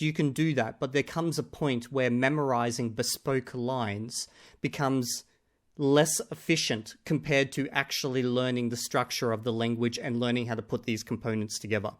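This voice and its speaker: Here a man delivers laid-back, combative commentary on someone else's video, his medium-pitched voice keeping a fairly even intonation. He keeps stopping on "okay?" to press each point.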